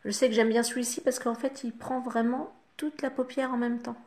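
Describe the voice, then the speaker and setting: Une femme francophone au ton bavard, qui explique pas à pas son maquillage aux spectatrices avec beaucoup de « hop » et « voilà ». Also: female voice, on the high side, fairly even intonation, moderate pace, a little mellow. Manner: chatty, talks the viewer through each step with fillers like "hop" and "voilà". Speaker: makeup vlogger. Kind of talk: casual makeup tutorial.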